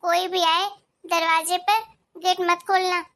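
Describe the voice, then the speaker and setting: A woman's voice: very high-pitched, flat delivery, slow, a bit bright, heavily acted. A woman voicing a strict older mother-in-law in a cartoon story, giving orders in a commanding way. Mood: bossy. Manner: instructing, commanding.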